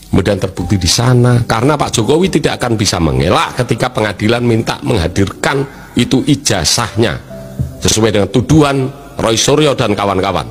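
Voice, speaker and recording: Emphatic lecturing man over faint music. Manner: emphatic, moralizing, swings between raised and low delivery. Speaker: speaker commenting on a legal dispute. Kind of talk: lecturing commentary.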